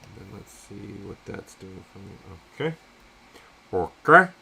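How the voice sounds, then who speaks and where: A man's voice: deep voice, completely flat delivery, moderate pace, creaky, background noise. A man streaming his 3D sculpting work, muttering half-finished thoughts aloud as he works and answers chat.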